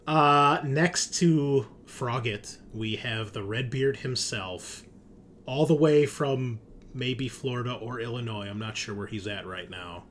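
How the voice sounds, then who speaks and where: Speaking slowly in a fairly bright mid-range voice, a man acts as host and game master of a tabletop RPG show, introducing the players with upbeat, chummy, informal chatter. There's a little hiss or hum on the recording.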